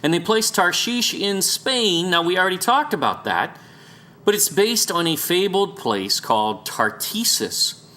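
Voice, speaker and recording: Over maps, this man delivers argumentative explainer narration for a documentary series, conversational yet sarcastic and emphatic. His high voice is bright and forceful, expressive, and kept at a measured pace.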